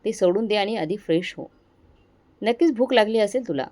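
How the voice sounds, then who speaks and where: A woman's voice: medium pitch, lively intonation, moderate pace, mellow, lightly acted. A woman reading as a bossy, taunting mother-in-law. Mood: scornful. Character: harsh scolding middle-aged mother-in-law.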